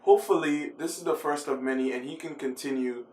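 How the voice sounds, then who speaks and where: Far from the mic in an echoey room, a man with a mid-range, slightly mellow voice talks fairly quickly about football news. He's a US-based vlogger filming at home, casual and rambling, often self-correcting.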